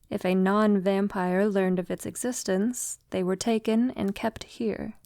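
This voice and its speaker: In an intimate audio roleplay, a woman voices a vampire lover centuries old, sounding tender, wistful and confiding. Her medium-pitched delivery is soft, unhurried and lightly acted, with breathy slips into whispering, captured dry in a clean studio.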